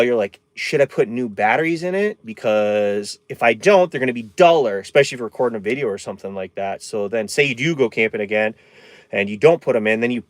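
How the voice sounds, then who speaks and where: A man's voice: mid-range voice, dry recording. A man in his thirties chatting casually on a live stream from inside his camper van, rambling and answering viewer comments.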